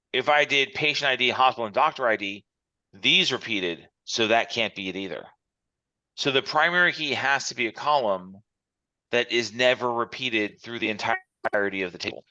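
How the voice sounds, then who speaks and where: A man's voice: medium pitch, bright, forceful tone, dry recording. A man teaching an online class over a conference call, walking through examples step by step. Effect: heard over a conference call. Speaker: instructor. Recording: muffled, dry call audio.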